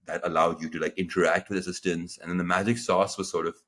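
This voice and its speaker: Male guest, late 30s, from Pakistan, deep husky voice, animated storyteller. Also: fast. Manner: animated, acts out quoted dialogue with jumps in pitch. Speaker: guest entrepreneur. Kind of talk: conversational interview storytelling.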